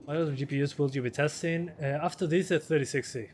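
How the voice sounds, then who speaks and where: A hardware tester in his twenties casually answers viewer questions on a live stream, chuckling quickly. His slightly hoarse voice has a fairly high pitch and a darkish tone, with a little hiss or hum in the recording.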